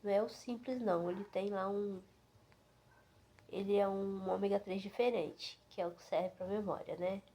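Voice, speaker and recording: A woman in her fifties talks straight to her phone camera at home. Her chat is loose and rambling, full of fillers and little asides to her viewers. Her voice sits at an ordinary middle pitch. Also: fairly even intonation, moderate pace, warm tone. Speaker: vlogger.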